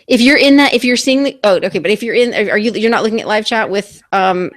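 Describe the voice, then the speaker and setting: A woman's voice: medium pitch, quick pace. A woman hosting a live online talk stream, chatting casually and rambling with restarts on a computer mic.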